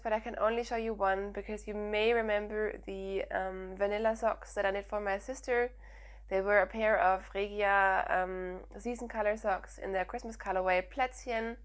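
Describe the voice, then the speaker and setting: A young woman from Germany hosting a knitting podcast, talking casually and energetically with lots of "um"s, her voice croaky from hay fever and sniffles. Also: medium pitch. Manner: chatty and energetic, frequent "um"s. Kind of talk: casual chat to camera.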